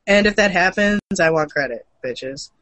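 Chatting casually about comics, films and cartoons, this co-host of a gaming and comics news show keeps things informal, wry and joking. The mid-range voice is animated and a bit bright, at a moderate pace. There's no room sound.

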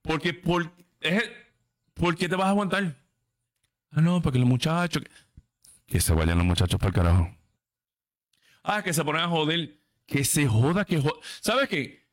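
Guy in his 30s hosting a podcast, blunt and cussing a lot, very emphatic. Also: a little high. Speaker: podcast host. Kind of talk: casual livestream chat.

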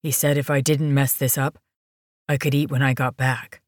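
A woman's voice: extremely low pitch, flat delivery, moderate pace, no room sound, studio quality. A woman voicing a shy, underfed young male werewolf who speaks meekly and hesitantly. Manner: meek and hesitant.

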